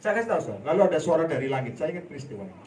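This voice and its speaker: A man preaching a sermon in a church hall, telling a story with laughter and sudden loud outbursts. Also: on the high side, big pitch swings, very fast, a little hiss or hum. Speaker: evangelist preacher. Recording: echoey hall, voice from a distance.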